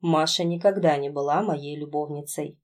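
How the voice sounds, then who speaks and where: A woman doing a composed young husband in an audiobook, his voice dropped low and dark. He talks in a steady, measured way, holding back his feelings. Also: natural voice. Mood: calm. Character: calm composed husband, young adult man.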